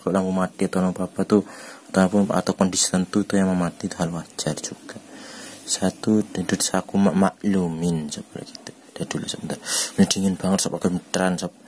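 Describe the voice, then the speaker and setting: A man's voice: sits low, a little mellow, slight background noise. A man from Indonesia, rambling chattily through an online shopping walkthrough. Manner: rambling chatty, says "sob" constantly. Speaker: online shopping tutorial vlogger. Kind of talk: casual screen walkthrough.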